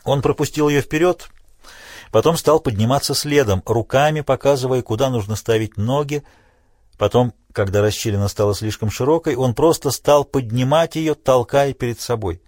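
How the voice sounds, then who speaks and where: A man narrating an audiobook with a steady, dramatic reading. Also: mid-range voice, normal speed, dry recording, clean studio sound.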